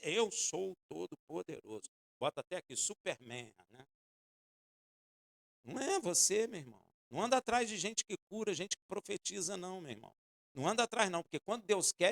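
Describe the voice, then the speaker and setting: A Brazilian man preaching with a high, gravelly voice. His delivery is animated and dramatic, rising and falling widely as he presses his congregation for an amen. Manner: asks the congregation for "Amen?" responses. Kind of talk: sermon.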